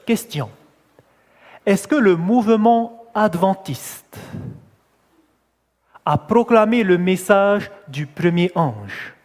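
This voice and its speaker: A man's voice: sits high, expressive, slow, long pauses, a little mellow, long reverb tail. A man preaching a sermon, putting questions to his listeners and stressing key words as he answers them. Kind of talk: sermon teaching.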